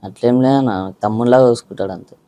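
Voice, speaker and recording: A man's voice: mid-range voice, fast talker, warm tone. A young man, giving short, subdued, mumbled answers as an interview guest. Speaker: interview guest, reel maker.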